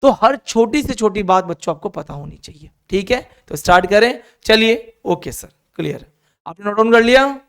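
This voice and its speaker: A man's voice: high voice, expressive, normal speed, few pauses, smooth. A male chemistry teacher with an Indian accent giving an encouraging classroom lecture, drilling students through repeated call-and-response lists.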